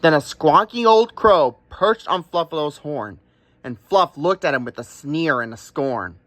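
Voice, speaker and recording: A man's voice: fairly high pitch, animated, a little slow, fairly bright tone, no echo. A man reading a rhyming picture book aloud in a playful, sing-song way. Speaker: storyteller.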